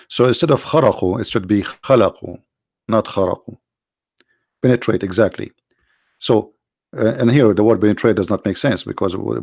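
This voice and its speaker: Gravelly, tired-voiced man lecturing. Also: lowish voice, a little mellow, no room sound, studio quality. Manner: emphatic, rhetorical questions, halting restarts. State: tired, strained voice. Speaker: religious apologist. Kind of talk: lecture on scripture.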